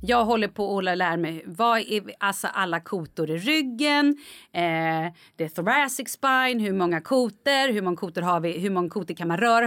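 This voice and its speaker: A woman co-hosting a casual podcast, an animated storyteller who acts out quotes with big jumps in her voice. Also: mid-range voice, no room sound. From Sweden. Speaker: podcast co-host. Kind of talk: casual chat.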